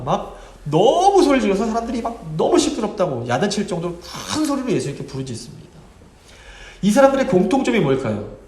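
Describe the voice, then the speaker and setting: A man preaching a Sunday sermon as pastor, earnest and slowing down when he quotes scripture. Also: on the high side, a little mellow. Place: church sanctuary. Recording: echoey church sanctuary.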